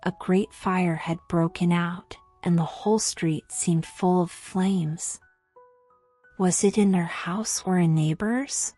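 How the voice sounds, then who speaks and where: Slow, low-pitched woman reading bedtime stories. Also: fairly even intonation, mellow. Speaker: storyteller. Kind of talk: slow bedtime fairy-tale narration for sleep. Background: music.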